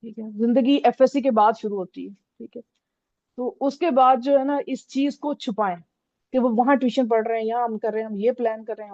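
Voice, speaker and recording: Soft-toned woman teaching a religious lesson. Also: on the high side, dry recording, highs cut off. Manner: conversational, repeats "theek hai" often. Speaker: Islamic teacher.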